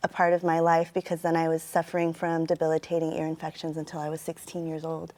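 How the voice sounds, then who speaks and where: Low-voiced woman with a standard American accent. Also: monotone, fast talker, a little mellow, slight background noise. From United States. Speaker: interview guest, turntablist and sound artist. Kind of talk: conversational interview answers.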